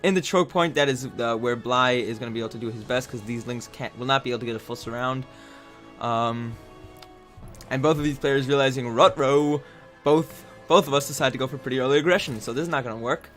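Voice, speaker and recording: A man's voice: mid-range voice, fast, fairly bright tone, faint music behind. A man casually commenting on a video game replay, rambling and chatty, with many fillers and restarts.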